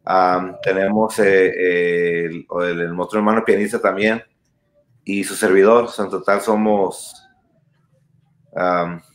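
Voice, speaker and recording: A thirty-year-old man with a low voice, born in Texas and raised in San Diego and Tijuana, is being interviewed casually over a video call from a small, echoey room at home, using a webcam mic. He explains things earnestly and haltingly, circling back with fillers and restarts, his intonation fairly even.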